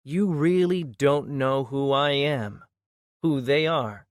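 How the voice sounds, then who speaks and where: A man's voice: medium pitch, takes it slowly, dry recording, studio quality, close to an everyday voice. A man voicing an angry young male adventurer, speaking tensely and indignantly in an audiobook. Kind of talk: audiobook character voice.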